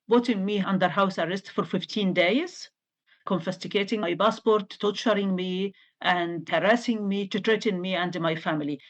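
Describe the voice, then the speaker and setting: Earnest woman from Egypt, English. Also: lowish voice. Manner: earnest, insistent, non-native English grammar. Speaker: interview guest. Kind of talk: interview answers.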